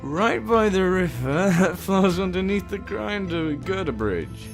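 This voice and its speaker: This let's player has a high-sitting voice with big pitch swings and a measured pace, heard over game music. Between reading game text out loud, he provides relaxed commentary peppered with swearing and jokes.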